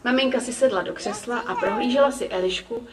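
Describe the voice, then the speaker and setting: Calm woman reading a children's story. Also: fairly high pitch, crowd noise. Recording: roomy, distant, faint ambience.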